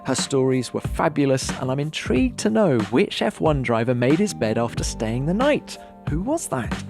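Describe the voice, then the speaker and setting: A man's voice: mid-range voice, big pitch swings, moderate pace, vocal fry, music in the background. A man hosting a podcast, friendly and upbeat as he interviews and signs off. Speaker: podcast host. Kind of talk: podcast interview and scripted outro.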